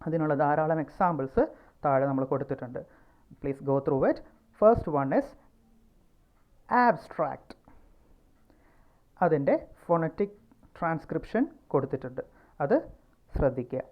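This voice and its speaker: A woman teacher with a Malayali accent giving a pronunciation lesson, speaking slowly and repeating words to show where the stress falls. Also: sits low, lo-fi sound.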